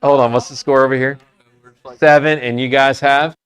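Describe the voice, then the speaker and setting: A man leading a trivia game for a church youth group, talking playfully and sometimes loud. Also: medium pitch, normal speed, clean tone. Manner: playful, lively, loud at times.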